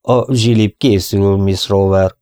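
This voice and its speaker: A man voicing a gruff, evasive old cowboy in an audiobook. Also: fairly low pitch, fairly even intonation, warm tone, lightly acted.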